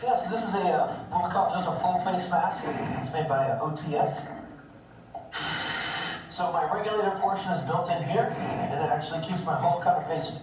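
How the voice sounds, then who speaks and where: A man's voice: sits high, fairly quick, darkish tone. A man, a dive instructor, giving easygoing, plain-spoken answers from underwater in an aquarium tank through the microphone in his full face mask. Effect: voice through a diver's full face mask radio. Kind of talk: casual live Q&A answers. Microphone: microphone built into a full face mask. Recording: muffled, distant, echoey underwater comms with hiss.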